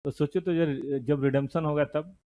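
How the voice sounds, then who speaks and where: Middle-aged guy lecturing a class, kinda high voice, scolds the kids a bit, bounces to and from the mic. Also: normal speed. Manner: lively, scolding students, mixes Hindi and English terms. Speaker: accounting teacher.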